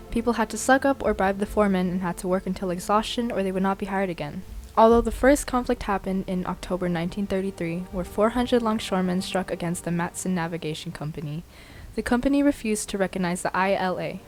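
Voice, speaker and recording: A woman's voice: mid-range voice, darkish tone, rough recording. A woman narrating a student history documentary, reading evenly from a script.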